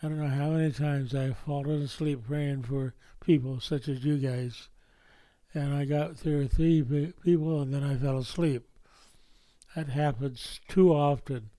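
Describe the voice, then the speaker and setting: A man's voice: on the high side, steady tone, unhurried, warm tone, dry recording. A man preaching a sermon in a folksy way, often ending points with tag questions. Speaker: pastor.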